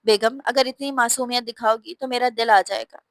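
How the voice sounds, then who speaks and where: A woman's voice: a little high, steady tone, moderate pace, a bit bright, dry recording. A woman voicing a teasing young husband. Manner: playful, teasing.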